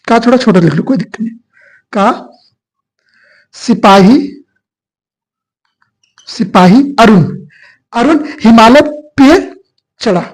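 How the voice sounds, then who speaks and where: This male teacher's very high voice comes slowly, with frequent pauses, on a low-quality recording. Coaching for an exam, he repeatedly asks questions and then answers them himself.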